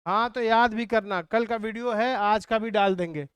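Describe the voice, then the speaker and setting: A teacher in a live online class, leading students through call-and-response recitation and chanting lists and mnemonics slowly. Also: mid-range voice, smooth, dry recording.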